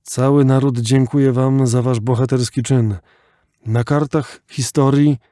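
Formal ground control operator, voiced by a man, clipped and mellow. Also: mid-range voice, fairly even intonation, a little slow, no room sound, studio quality, lightly acted. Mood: solemn.

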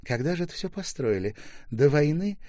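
A man voicing an elderly mother who fusses warmly over her grown son. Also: fairly high pitch, big pitch swings, brisk, no room sound, studio quality, voice pushed up. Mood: doting. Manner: doting, exclamatory. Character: elderly mother, warm and fussy.

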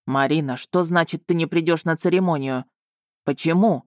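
A woman voicing a stern, brooding male dragon ruler in an audiobook, speaking low, guarded and terse. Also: moderate pace, dry recording, studio quality, lightly acted. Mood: bewildered. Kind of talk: audiobook character voice.

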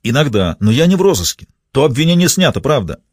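A man's voice: mid-range voice, very animated, fast, husky, dry recording, clean studio sound, voice pushed up. A man reading an audiobook, voicing a scared, evasive young street dealer who whines and pleads. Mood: pleading. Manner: whiny, pleading, speaks through gritted teeth. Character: cornered young male small-time dealer, scared and evasive.

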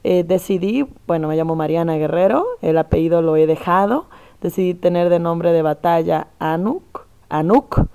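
A young woman with a Mexican accent explains her art in an interview, earnest and thoughtful. Her voice sits a little low and sounds smooth and clear. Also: moderate pace, mellow. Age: young adult. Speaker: performance artist guest. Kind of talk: conversational interview.

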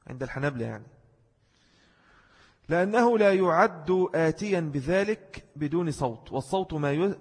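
An Egyptian man teaches a religious lesson in a slightly high, husky voice. He explains each rule step by step and demonstrates mistaken and correct pronunciations aloud. His voice rings with a long reverb, as in a large hall. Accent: Egyptian Arabic.

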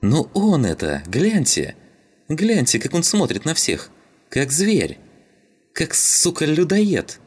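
A man doing a brash, loud young skinhead. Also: on the low side, very animated, normal speed, voice pushed up. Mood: jeering. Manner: loud, cocky, jeering.

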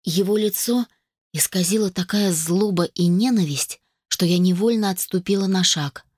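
A woman reading a first-person novel aloud as an audiobook narrator, in an even, steady manner. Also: mid-range voice, normal speed, no room sound, studio quality.

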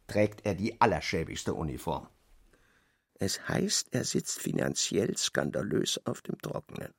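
A gravelly blustering old general. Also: male voice, low-pitched. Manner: blustering, gruff. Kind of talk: radio play acting.

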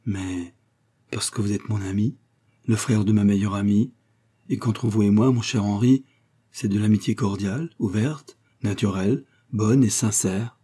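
A man voicing a gentle, wistful young noble lady in an audiobook, with soft, earnest courtly speech. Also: lowish voice, measured pace, breathy edge. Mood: tender. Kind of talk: audiobook character voice.

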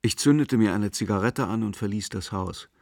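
A man narrating a radio drama in a slow, measured, melancholic manner. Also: on the low side, vocal fry, darkish tone, no echo, studio quality. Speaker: narrator and main character.

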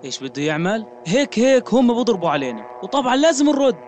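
Male actor as a devout young son: high, quick, confident. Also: very animated, a little mellow, slight background noise. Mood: preachy. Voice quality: preachy, confident. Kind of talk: radio drama acting.

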